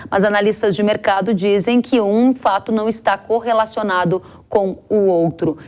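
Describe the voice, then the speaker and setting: A woman anchoring a farm news program, reading the headlines and reports in a measured, formal way. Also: medium pitch, a little mellow.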